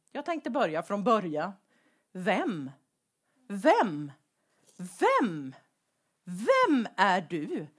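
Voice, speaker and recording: A woman preaching a sermon in a conversational way, asking the same questions again and again. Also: medium pitch. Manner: rhetorical, repeats questions; conversational with fillers.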